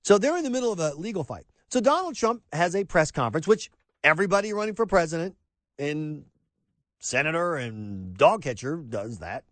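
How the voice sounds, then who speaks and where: Animated, high-voiced male talk radio host. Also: moderate pace, no echo. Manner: animated, mocking, acts out quotes. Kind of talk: opinionated talk radio monologue. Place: broadcasting live from a diner.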